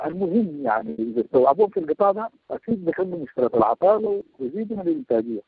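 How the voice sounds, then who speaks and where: A man with a Sudanese Arabic accent answers a radio host at great speed and in earnest. His voice is gravelly, and it comes through a tinny, dry phone line. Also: high voice, lively intonation, very fast, no room sound. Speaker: radio guest.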